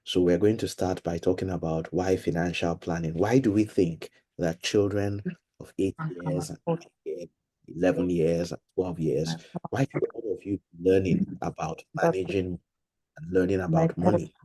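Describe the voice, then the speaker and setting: Middle-aged man, low husky voice, patient teacher for kids on a video call. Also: lively intonation, warm tone. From Nigeria. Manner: patient, explaining slowly to children. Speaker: financial literacy seminar leader. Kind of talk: online seminar for children.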